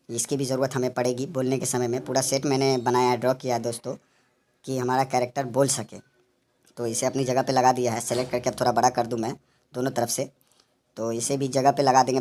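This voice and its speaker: A man narrating a software animation tutorial, explaining each step as he works and often addressing viewers as friends. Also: medium pitch.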